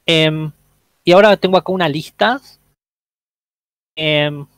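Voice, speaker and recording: A male English teacher explains at an unhurried pace on a video call. His voice sits a little high and he keeps pausing to check his students follow. The sound is close and dry. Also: smooth, no room sound, rough recording. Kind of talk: online language workshop.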